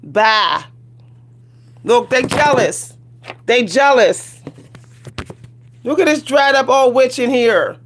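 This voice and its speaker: Speaking slowly with long pauses over some background noise, this woman in her 40s has a slightly high voice and lively intonation. She's a livestream host ranting casually, sassy and colloquial, often repeating herself and laughing.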